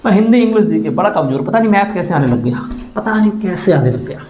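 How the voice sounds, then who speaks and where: A man's voice: sits high, lively intonation, quick pace, mellow, echoey room, a little hiss or hum. A man from Haryana with a Haryanvi accent, teaching a maths class and reciting times tables in a repetitive lecture style. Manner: chants times tables, repeats phrases. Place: coaching classroom.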